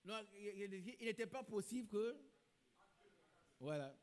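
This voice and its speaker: A man's voice: sits high, expressive, measured pace. A man preaching a sermon in a church, emphatic and repeating his key phrases. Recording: long reverb in a church hall.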